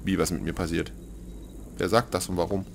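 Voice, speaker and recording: A man commentating his horror game playthrough, joking and excitable, dropping to whispers when things get tense. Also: low voice, fairly quick, gravelly, background noise. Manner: excitable, jokey, drops to whispers in tense moments. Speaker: let's play commentator. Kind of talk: gaming commentary. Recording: gameplay music playing behind.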